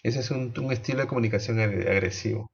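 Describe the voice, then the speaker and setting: Man, teacher, explanatory, quizzes students, gravelly, muffled call audio. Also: mid-range voice, quick pace. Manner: explanatory, asks the class questions, many restarts. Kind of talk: online class lecture.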